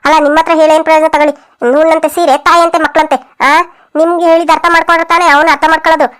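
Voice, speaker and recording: Woman voicing cartoon village women, scolding, dramatic, high voice, quick talk. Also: level tone, a bit bright. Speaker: voice actor for several cartoon women.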